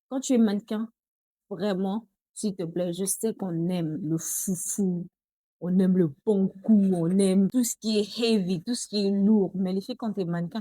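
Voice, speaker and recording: A woman's voice: mid-range voice, mellow, dry recording. A woman vlogger giving casual, repetitive lifestyle advice to her viewers. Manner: chatty, repeats herself, addresses viewers as girls. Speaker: fashion model vlogger.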